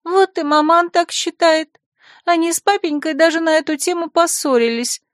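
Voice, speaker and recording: A spoiled young secretary, squeaky and whiny, her voice pitched high and close to tears, as a woman narrator puts her on. The sound is dry and close, with no room around it. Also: moderate pace, dry recording.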